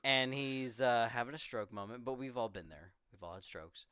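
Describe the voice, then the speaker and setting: A man's voice: mid-range voice, animated, normal speed, bright, forceful tone, clear, resonant tone, no echo, clean studio sound. A man on a podcast casually retelling a film's scenes, rambling and quoting characters as he goes. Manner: rambling, retells scenes with quoted voices and laughs. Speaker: podcast co-host. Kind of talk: casual movie discussion.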